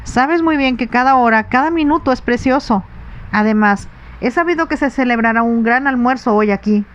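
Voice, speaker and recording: A woman voicing an anxious, sensible young stepdaughter, pleading earnestly in a soft, whispered role-play audiobook reading. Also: on the high side, normal speed, lo-fi sound, close to an everyday voice.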